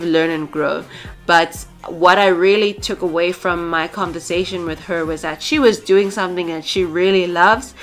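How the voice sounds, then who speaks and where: Casting: young woman, podcast host, chatty, a little low-pitched, headset on a video call. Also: fairly bright tone. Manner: chatty, laughs often, restarts. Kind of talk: podcast interview.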